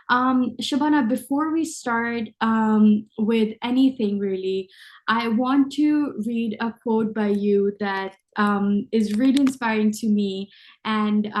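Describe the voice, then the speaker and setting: A woman's voice: a little high, darkish tone. A young adult woman hosting an interview, enthusiastic, reading a prepared introduction with many ums. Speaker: interview host. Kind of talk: hosted interview.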